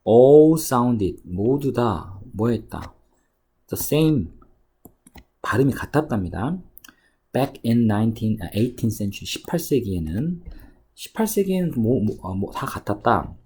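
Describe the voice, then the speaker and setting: Slow, husky male English tutor. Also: fairly low pitch, warm tone. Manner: reads English phrases slowly, then explains them. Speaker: English teacher. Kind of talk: exam passage walkthrough lecture. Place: cram school lesson recording.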